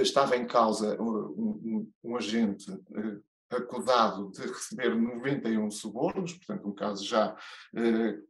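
A man's voice: lowish voice, echoey room. A man with a European Portuguese accent, a judge and lecturer giving a conference keynote, hesitant, with many fillers and restarts.

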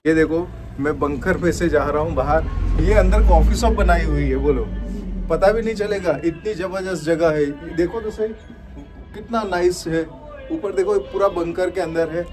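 Excited man from Gujarat vlogging on foot. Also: on the high side, normal speed. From Gujarat, India. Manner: excited, keeps urging viewers to look. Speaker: travel vlogger. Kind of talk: walking tour vlog to camera. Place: underground cafe, then outdoors on city streets. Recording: music playing behind the voice.

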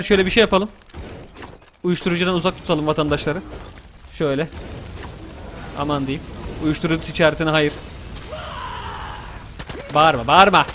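A young man casually commenting on his gameplay, joking around and shouting excitedly at the action. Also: sits high, slight background noise. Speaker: gaming YouTuber.

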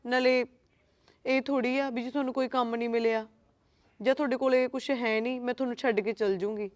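An actress with a Punjabi accent playing a young wife who eloped, speaking quietly and earnestly about the taunts she suffers. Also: a little high, steady tone, brisk, lightly acted. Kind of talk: Punjabi short-film acting.

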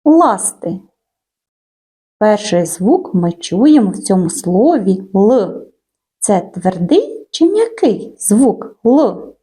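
A woman teaching young children a phonics lesson, stretching out sounds and words in a slow, sing-song way. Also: mid-range voice, big pitch swings, dark tone, breathy edge.

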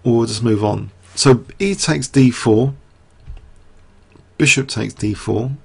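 Taking things slowly, a middle-aged man talks viewers through a chess game live, explaining moves and firing questions at them. His medium-pitched, darkish voice is turning croaky.

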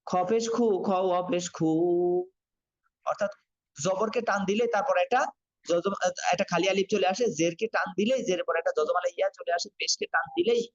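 A man teaching Quran reading in an online class, sounding out syllables slowly and repeating them for learners. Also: high voice. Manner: slow syllable-by-syllable drilling, repetitive. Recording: dull lo-fi sound.

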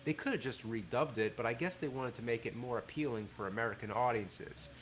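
A man's voice: mid-range voice, fairly quick, slight background noise, low-quality recording. A man narrating a video essay in a conversational way, with wry asides. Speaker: commentator.

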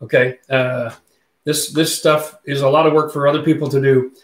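With a medium-pitched, flat delivery at a moderate pace, a channel host in his forties chats casually with his livestream audience and reads their comments out. The recording is reverberant, made in a home studio room on a studio mic on a boom arm.

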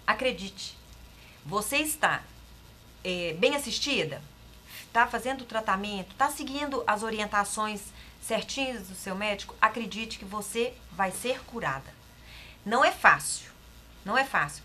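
A middle-aged Brazilian woman speaks as a talk-show guest, emphatic and encouraging, and she often repeats her phrases. Her voice sits a little high and sounds bright and tense. Faint room noise runs underneath. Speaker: guest sharing a breast cancer experience. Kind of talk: casual talk-show conversation.

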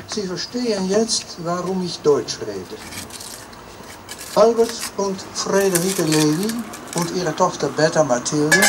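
An older man gives a formal address at an outdoor memorial ceremony, reading from notes into a handheld mic. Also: on the high side. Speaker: ceremony speaker. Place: outdoors on a town street. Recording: street noise outdoors.

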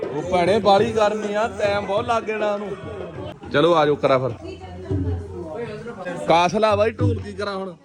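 A man with a high-pitched voice jokes around and tells people where to sit and what to do. Loud music plays right behind him throughout. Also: normal speed, long pauses. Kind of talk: casual chat.

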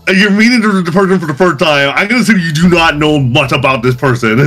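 Young man, high bright voice, animated casual chat, laughs a lot, faint game music behind. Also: fast talker. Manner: laughs often, animated and joking. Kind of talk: casual chat while gaming.

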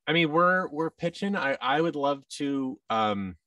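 A slightly slow, higher-pitched male voice with lively intonation and a sharp tone comes from a distance with no echo. The speaker is an American voice actor in his thirties, chatting casually as a podcast interviewee, often restarting and acting out lines. He's on a video call in a large indoor room with tables, using a boom-arm headset microphone.

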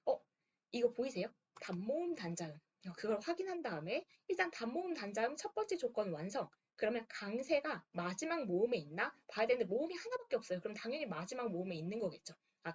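Her voice sits on the high side as this woman guides students step by step through English grammar exercises, checking in with them along the way. The lo-fi recording sounds dull, with a little hiss or hum.

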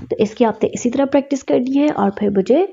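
Mellow-voiced woman teaching Quran recitation. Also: sits high, slightly rough, highs cut off. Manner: patient step-by-step explanation, breaking into slow drawn-out recitation. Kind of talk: online tajweed lesson with slides.

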